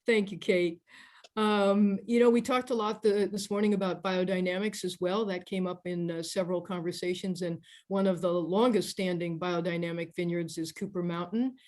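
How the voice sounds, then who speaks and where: A woman's voice: on the low side, fairly even intonation, moderate pace, a little mellow. A woman with an American accent hosting a session, casually introducing guests and putting questions to them. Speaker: host moderating a tasting session. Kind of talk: casual moderated interview.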